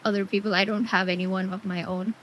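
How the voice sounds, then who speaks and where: A woman's voice: medium pitch, flat delivery, a little fast, a bit bright, slight background noise, low-quality recording. A woman talks casually and frankly in a documentary interview, dropping fillers as she goes. Faint background ambience sits under her voice. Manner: casual, candid, filler words.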